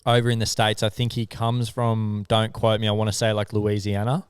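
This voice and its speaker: Young aussie guy yarning on a podcast, low smooth voice, heaps of swearing, dry close sound. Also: fairly quick, no room sound. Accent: Australian. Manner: laid-back, swears often, animated when telling stories. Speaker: podcast co-host. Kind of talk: casual storytelling chat.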